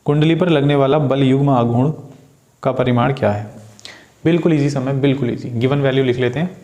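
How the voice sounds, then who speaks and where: A man's voice: medium pitch, fairly quick, warm tone. A man teaching a physics lesson, patiently working through solved problems, asking questions and answering them himself. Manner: patient, addresses students as beta, asks and answers own questions. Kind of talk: classroom problem-solving lesson.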